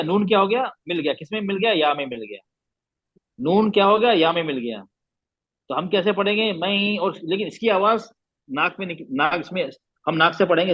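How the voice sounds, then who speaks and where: Patient man teaching recitation, slightly high. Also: breathy edge, dry recording, muffled recording. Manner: patient, repeats sounds slowly, asks class questions. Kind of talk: classroom teaching. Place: classroom.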